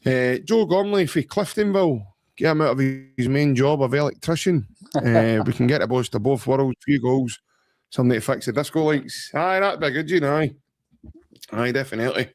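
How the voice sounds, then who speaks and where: A man's voice: mid-range voice, normal speed. Chatty scottish man, football podcast. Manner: joking, rambling, says mate and aye a lot. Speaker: podcast co-host. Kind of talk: casual football chat.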